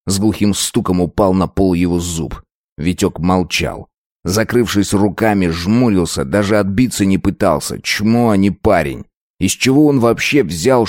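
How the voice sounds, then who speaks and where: A man narrating a first-person story in a measured, dramatic reading. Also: deep voice, a little mellow, dry recording, studio quality.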